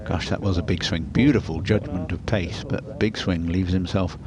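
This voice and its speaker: A man's voice: deep voice, steady tone, normal speed, a crowd in the background. A man giving conversational golf commentary as an analyst, chatting appreciatively through each shot.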